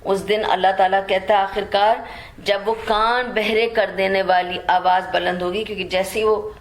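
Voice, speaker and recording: A woman teaching Quran commentary, reciting verses slowly and then explaining them in mixed with English words. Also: mid-range voice, flat delivery, reverberant.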